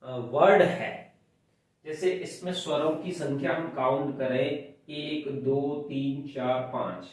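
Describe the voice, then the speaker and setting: A man's voice: mid-range voice, fairly even intonation, slow. A man teaching English grammar, explaining rules step by step and counting syllables aloud, recorded far from the mic. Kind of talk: classroom grammar lesson. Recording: very echoey room, voice far from the mic.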